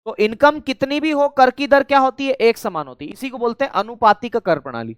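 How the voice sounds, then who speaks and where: A man teaching an online exam-prep class, repeating key phrases slowly and speaking straight to his students. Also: very high voice, animated, a bit bright, clear, resonant tone, no echo, studio quality. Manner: addresses students directly and often, chatty asides.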